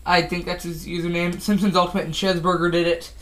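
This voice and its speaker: A fifteen-year-old boy in his teens chats casually about his toy collection for a vlog update, rambling and full of ums, restarts and self-corrections. He talks fast in a high voice that is fairly bright, with a flat delivery.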